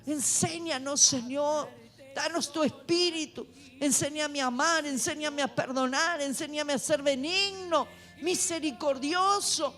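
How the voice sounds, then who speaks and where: Woman preacher, high voice, fervent sermon, soft music behind. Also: measured pace. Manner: fervent, rising to shouts, repetitive exhortation. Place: church sanctuary.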